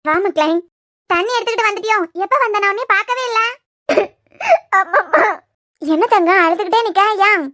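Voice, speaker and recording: A woman voicing a loving, worried old grandmother in a cartoon serial, speaking softly in a Kanyakumari Tamil accent. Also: extremely high pitch, a little fast. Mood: tender. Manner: soft, coaxing, affectionate.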